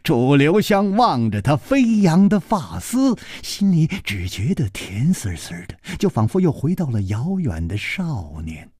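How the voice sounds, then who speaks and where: A man narrating a radio story with an expressive, drawn-out, dramatic delivery. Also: fairly high pitch, breathy edge, no echo, studio quality.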